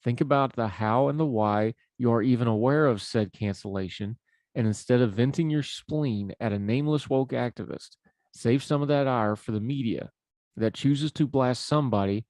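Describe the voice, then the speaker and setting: A man's voice: mid-range voice, normal speed, a little mellow, dry recording. A man with an Appalachian hillbilly accent hosting a talk show, giving conversational news commentary in a folksy, informal way.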